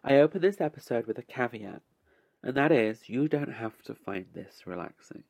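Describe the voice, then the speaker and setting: A man hosting a scripted relaxation podcast, speaking in a measured, deliberate way with arch, formal phrasing and dry wit. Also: mid-range voice, expressive, creaky, a little mellow, no room sound, lo-fi sound. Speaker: podcast host.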